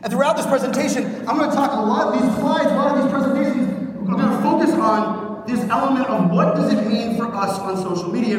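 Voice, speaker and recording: High-voiced man speaking in an echoing hall. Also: slight background noise. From Pittsburgh, Pennsylvania, USA. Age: 30s. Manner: fast, punchy, joking with the crowd. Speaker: keynote speaker. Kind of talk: energetic conference keynote. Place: large conference hall stage. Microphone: phone recording from the stage. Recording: distant, echoey hall recorded on a phone.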